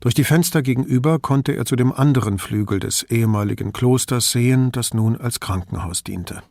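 A man narrating a crime novel audiobook in an even, measured reading. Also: medium pitch, gravelly, no echo, clean studio sound.

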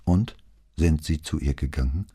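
A man playing a calm police commissioner. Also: very deep voice, slightly rough, no echo, clean studio sound, heavily acted. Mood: probing. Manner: measured, quietly probing.

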